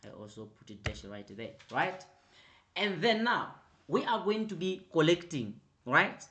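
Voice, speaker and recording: A man teaching an online accounting revision class, repeating his prompts and growing louder and more emphatic as he explains. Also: fairly high pitch, sing-song. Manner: repetitive, prompting with "right?" and "quickly". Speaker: accounting tutor.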